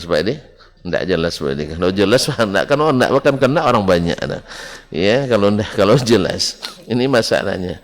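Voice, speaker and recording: A man preaching a religious lecture to a congregation, often asking the audience if it is clear and chuckling along the way. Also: a little high. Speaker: Islamic preacher teaching a book study. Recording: long hall reverb.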